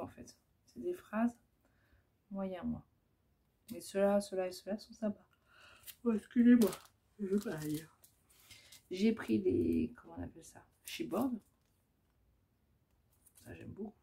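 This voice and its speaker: Gravelly, mellow-voiced woman showing crafts. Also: mid-range voice, measured pace, pauses often. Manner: hesitant, chatty, many fillers. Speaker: scrapbooking vlogger. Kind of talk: casual show-and-tell.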